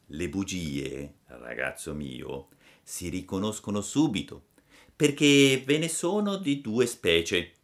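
A man voicing a kind, gently stern fairy woman with a calm, measured, motherly manner. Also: low voice, exaggerated voice. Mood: gentle.

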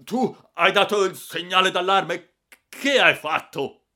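A man voicing a flustered, irate older salesman who shouts and sputters in outbursts. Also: high-pitched, slow pace, pitched above the performer's own voice, full character voice. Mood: furious.

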